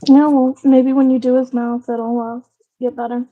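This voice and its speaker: A woman chatting casually beside a streamer, rambling and teasing in a relaxed way. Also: high voice, normal speed, phone-quality sound. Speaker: family member on stream. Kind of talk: casual chat.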